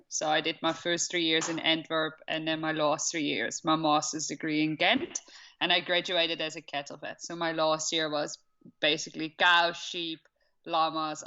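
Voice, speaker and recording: Guest: Dutch-accented woman, 30s, low-pitched but bright voice, slightly dull lo-fi audio. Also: flat delivery, moderate pace. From Netherlands. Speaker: wildlife veterinarian, guest. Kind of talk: casual interview answers.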